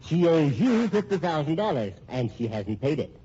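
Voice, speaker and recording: A male voice on the high side, sing-song and warm, plays a smug husband in an old radio drama, scheming and sardonic as he plays everyone against each other. The delivery is gloating and controlling, full of stammering, mock-genial courtesy, at a moderate pace, and the recording is muffled and noisy.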